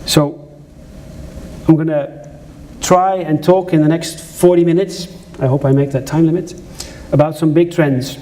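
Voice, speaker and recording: At a conference, a man from the Netherlands with a Dutch accent speaks in a lecture room, keeping his presentation conversational with asides to the audience and many restarts. His mellow voice is on the high side, steady and unhurried, with slight background noise.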